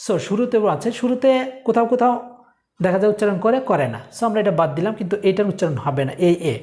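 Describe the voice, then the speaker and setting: A woman's voice: medium pitch, lively intonation, warm tone. Woman teaching English pronunciation. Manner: repeats words slowly for learners; mixes English phrases into explanations. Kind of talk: spoken English lesson.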